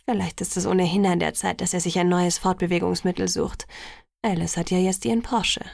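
A woman doing a calm, tender young man. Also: fairly low pitch, a little fast, gravelly, no echo, studio quality. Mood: reassuring. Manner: hushed and gentle, half-whispered. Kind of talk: audiobook character voice.

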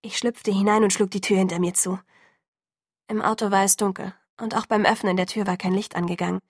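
A woman narrating a novel in the first person, reading in a steady, measured way. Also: medium pitch, husky, dry recording, studio quality. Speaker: audiobook narrator.

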